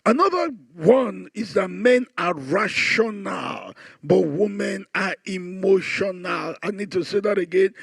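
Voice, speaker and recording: A man's voice: sits high, breathy edge, no room sound. A middle-aged male pastor, preaching at a conference and acting out both sides of the stories he tells. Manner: animated storytelling, acting out both sides of dialogues. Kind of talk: conference sermon.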